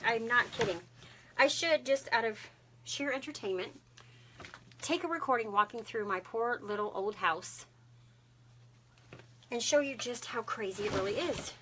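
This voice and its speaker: A woman with a Texan accent hosting a craft livestream from her home, chatting casually with viewers, bubbly and quick to laugh. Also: a little high, a bit bright, slight background noise. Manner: chatty and bubbly, saying y'all often and laughing a lot. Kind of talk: casual live-stream chat with viewers.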